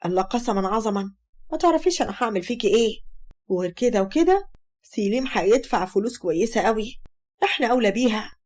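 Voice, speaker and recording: A woman's voice: on the high side, lively intonation, quick pace, darkish tone. A woman with an Egyptian accent voicing a harsh, scheming mother who scolds sharply. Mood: scolding. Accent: Egyptian Arabic.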